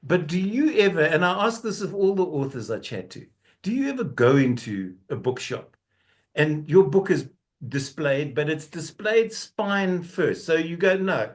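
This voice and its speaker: Male host, slightly higher voice, playful interviewer who ribs his guests. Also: big pitch swings, moderate pace. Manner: jokey, teasing, laughs often. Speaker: radio show host. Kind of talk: casual interview chat.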